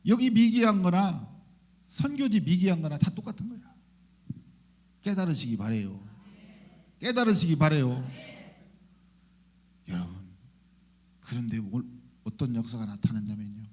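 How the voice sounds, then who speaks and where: A high-pitched man preaches to a church congregation. His delivery is fervent and animated. He keeps calling out hallelujah and putting questions to the people in front of him. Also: moderate pace, pauses often. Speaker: pastor. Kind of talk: sermon. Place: church sanctuary.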